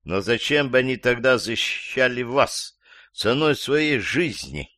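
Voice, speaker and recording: A male audiobook reader voicing a puzzled, patient male prosecutor who asks measured questions. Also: mid-range voice, big pitch swings, sharp tone, no echo, studio quality, pitched above the performer's own voice. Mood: questioning. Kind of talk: audiobook character voice.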